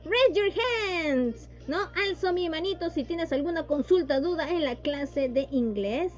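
High-voiced woman teaching online. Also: moderate pace, a little mellow, soft background music. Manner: mixes Spanish and English, repeats "yes" and "¿no?". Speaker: English teacher. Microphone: video call. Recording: dull lo-fi online call audio with faint hum.

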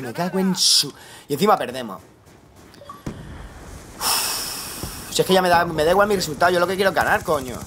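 Young man, Spain Spanish accent, slightly hoarse, excitable live gameplay commentary, fairly high voice. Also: noisy background. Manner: excitable, swears and yells at teammates. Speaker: gamer streaming live gameplay. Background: faint gunfire from the game.

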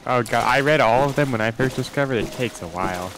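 A man's voice: medium pitch, fast, noisy background. A man chatting casually with a game host, mumbling while he eats. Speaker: co-host and guide. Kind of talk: casual chat.

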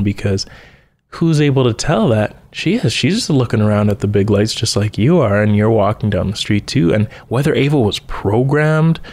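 A young man on a podcast talks through an idea on his own, in a somewhat low voice. His delivery is casual and unpolished, full of ums, repeated words and sentences that restart midway. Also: darkish tone. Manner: thinks aloud with frequent ums and restarts. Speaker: podcast host. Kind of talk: casual solo podcast monologue.

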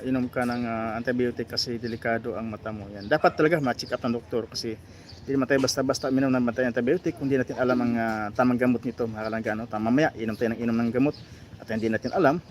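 A man with a Filipino accent chats casually on a live stream, greeting viewers by name with plenty of fillers and pauses. His voice sits at an ordinary middle pitch. Faint outdoor noise and birdsong run behind him. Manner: reads viewer names and comments aloud with fillers. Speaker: vlogger reading live chat.

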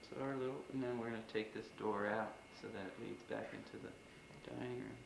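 Guy in his 30s narrating a camcorder tour, gravelly low voice, echoey empty room, tape hiss. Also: fairly even intonation, a little fast. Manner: chatty, proud, running commentary on the renovation. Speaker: father filming home video. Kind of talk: home video narration. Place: house under renovation, indoors. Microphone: camcorder mic.

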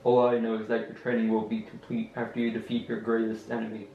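A man playing a cold, commanding Sith master who speaks in a flat, gravelly voice. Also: medium pitch, fast, lightly acted. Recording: muffled echoey home video.

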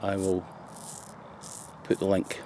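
Scottish man, 50s, shaving vlogger, joking casual chat outdoors in the woods, slightly low voice. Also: monotone, slow, warm tone, slight background noise. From Scotland. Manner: chatty, joking asides, laughs often. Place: forest outdoors. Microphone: camera close up at arm's length.

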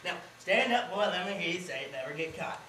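A student performer, lightly acting, takes on the role of a bragging, crafty old rural grandpa who lectures with a cackling folksy drawl at a school show. The mid-range voice moves fairly quickly with lively intonation, and crowd noise fills the boisterous, distant, echoey auditorium recording.

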